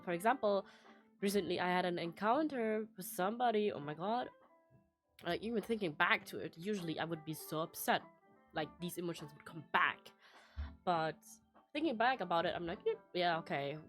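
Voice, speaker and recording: A woman's voice: lowish voice, brisk, faint music behind. A young woman chatting casually as a vlogger, telling a personal story in a meandering way with many fillers, restarts and laughs. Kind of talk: casual rambling chat.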